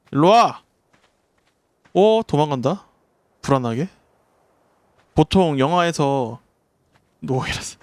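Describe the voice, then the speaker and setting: Speaking at a medium pitch in a dry, echo-free recording, a man provides live commentary while streaming a survival game. He gets excitable, talks to both his creatures and his chat as he plays, and lets out yelps and curses when startled.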